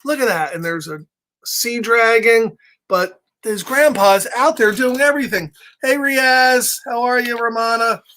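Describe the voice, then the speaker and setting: A storytime host with a very high-pitched, sharp-toned voice reads a little slowly. During this casual livestream he chats playfully with kids and addresses them directly as he reads them a story.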